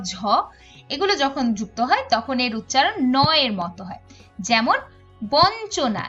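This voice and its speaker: A woman's voice: high voice, bright, forceful tone, muffled recording. A woman teacher explaining pronunciation rules in an online class lecture, going through examples one by one.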